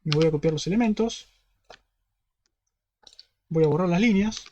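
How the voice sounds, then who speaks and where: A man with a fairly high voice and a Rioplatense Spanish accent, walking students through a problem in an online class. He goes step by step and keeps asking whether they follow. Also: normal speed, mellow, highs cut off, a little hiss or hum. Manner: step-by-step, constantly checking in with "¿sí?". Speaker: university teaching assistant.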